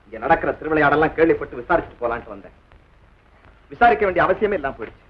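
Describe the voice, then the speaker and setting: An actor playing a dignified brother-in-law who speaks calmly and reproachfully. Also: male voice, a little high, racing, slightly rough, rough recording. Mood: grave. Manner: calm, grave, reproachful. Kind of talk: 1960s Tamil film acting.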